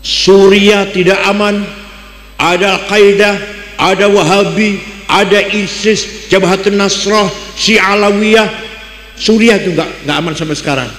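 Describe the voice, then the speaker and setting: An older man with a Javanese accent giving a religious lecture, asking his listeners questions and switching between loud exclamations and dry jokes. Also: high voice, unhurried. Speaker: Islamic cleric giving a talk. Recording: echoey hall with long reverb.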